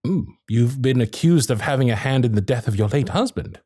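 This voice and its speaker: Taken aback, the Victorian suitor speaks fairly quickly in a husky, mid-range male voice, keeping his genteel, flirtatious diction and lively intonation. It's an ASMR romantic roleplay and period piece, the character courtly, infatuated, protective and witty, captured on a close studio mic with an intimate, echo-free sound.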